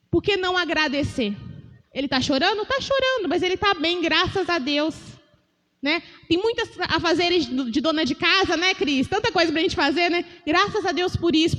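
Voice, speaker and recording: A woman from Brazil gives a devotional talk from the front of a church, her high voice carrying through a long, ringing reverb. She speaks to the congregation as brothers and sisters and breaks into laughter as she recounts a personal story. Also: a bit bright. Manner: addresses listeners as brothers, laughs often while telling a story. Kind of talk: sermon devotional. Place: church hall.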